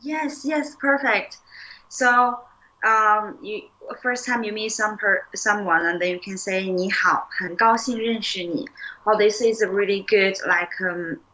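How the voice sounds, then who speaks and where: A young woman leads an easygoing one-on-one language lesson. Her voice is bright and her pace slow and unhurried. She explains patiently, with plenty of "like" and "um", and models each new word slowly. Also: medium pitch, steady tone, rough recording. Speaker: Chinese teacher.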